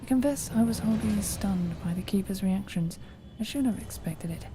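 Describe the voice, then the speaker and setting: A woman voicing a secretive witch who reads her journal in an earnest, self-justifying, measured way. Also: medium pitch, background noise, close to an everyday voice. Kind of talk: recorded game voice-over.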